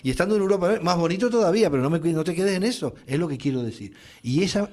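Canarian male radio panelist, emphatic and repetitive, argues forcefully. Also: a little high, lively intonation, very fast. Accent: Canarian Spanish. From Canary Islands. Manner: emphatic, repeats points, interrupts. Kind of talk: heated radio round-table debate.

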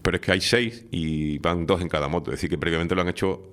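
A man speaks in a very low, deep register. He explains his points in a measured way during a studio discussion. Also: fairly even intonation, a bit bright.

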